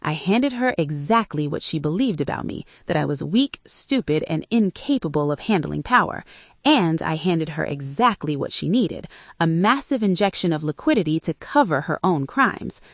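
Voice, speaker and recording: A woman reads a dramatic story in measured, steady sentences. Her voice sits on the low side, and the recording is dry and close to the mic. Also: no echo. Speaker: narrator. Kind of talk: scripted dramatic narration.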